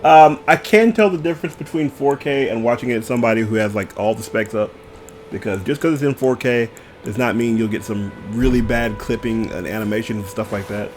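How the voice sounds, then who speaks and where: Over a bit of background noise, this man's mid-range, darkish voice moves briskly as he narrates his own gameplay. As a streamer he jokes around, addresses viewers directly, and now and then slips into sing-song moments.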